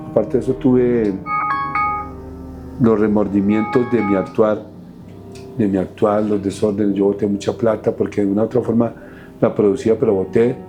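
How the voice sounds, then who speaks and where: A middle-aged man, recounting his past as an interview guest in a halting, emotional way with many restarts. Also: fairly low pitch, fairly even intonation, over music. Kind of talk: personal testimony in an interview.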